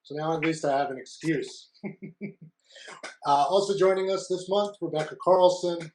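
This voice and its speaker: A man hosting a real estate roundtable on a video call, reading a measured scripted introduction while his audio sounds muffled and boxy, as if he were inside a closet. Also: fairly high pitch, a little mellow, slight background noise. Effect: muffled, boxy audio, as if speaking from inside a closet.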